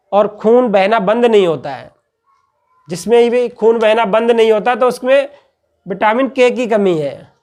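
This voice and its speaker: In a classroom-style lecture, a man with a high, slightly mellow voice teaches a class. He explains patiently and repetitively, posing questions, answering them himself and checking in with "okay" after each point.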